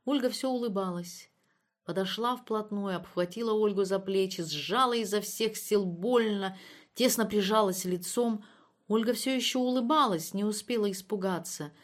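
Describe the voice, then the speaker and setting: A woman reading literary prose as an audiobook narrator, measured and subdued. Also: mid-range voice.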